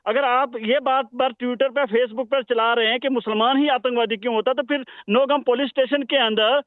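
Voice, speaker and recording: A man's voice: very high-pitched, fairly even intonation, normal speed, no room sound. Defensive male guest on a tinny phone line. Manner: defensive, repeating himself to get a word in. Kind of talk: heated TV debate argument.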